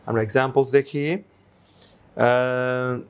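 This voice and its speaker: In a smooth, steady voice of medium pitch, a man from Bangladesh slowly explains English pronunciation. He elongates the sample words as he models them and often pauses to ask "right?".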